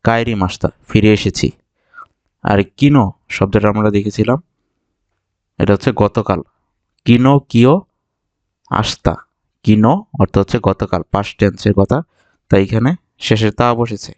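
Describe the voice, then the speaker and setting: A man from Bangladesh teaching vocabulary, explaining patiently and repeating each word slowly for learners. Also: fairly low pitch, fairly even intonation, darkish tone, dry recording. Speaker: Japanese language teacher. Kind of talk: vocabulary lesson narration.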